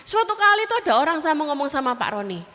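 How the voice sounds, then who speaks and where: A woman pastor, preaching a sermon to her congregation and telling stories in an animated way. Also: high-pitched, racing. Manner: animated storytelling, addresses congregation directly. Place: large church hall. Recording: long hall reverb.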